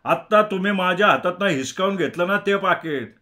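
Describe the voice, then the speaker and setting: A man's voice: high-pitched, expressive, brisk, pitched above the performer's own voice. A man voicing a menacing gang leader who bullies and accuses. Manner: bullying, loud, accusing.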